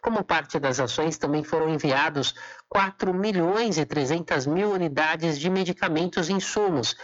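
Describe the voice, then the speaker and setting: A man's voice: a little high, moderate pace, a bit bright. Brazilian male news announcer, slightly dull sound. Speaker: radio news reporter, announcer. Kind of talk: scripted news narration.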